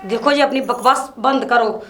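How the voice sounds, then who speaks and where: An actress playing an indignant young bride who protests and defends herself. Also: female voice, a little high, normal speed, fairly bright tone, slight background noise, natural voice. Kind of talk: low-budget Hindi drama acting. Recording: echoey room.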